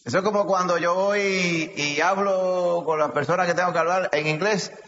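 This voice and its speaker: A man with a Puerto Rican accent preaching a sermon, animated, asking rhetorical questions and calling listeners brother. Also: sits high, brisk, slight background noise. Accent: Puerto Rican Spanish. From Puerto Rico. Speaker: pastor. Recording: echoey hall, slightly dull sound.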